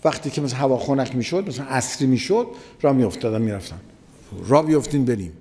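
A man's voice: mid-range voice, expressive, warm tone, breathy edge. Preacher man in a reverberant hall. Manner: conversational, repeats phrases for emphasis. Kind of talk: sermon storytelling.

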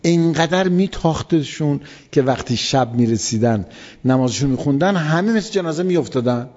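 This preacher's voice is fairly high and darkish, with lively intonation. In a colloquial religious lecture he brings an old story to life in casual speech, stressing it through repetition, and the recording is dull and lo-fi with long hall reverb.

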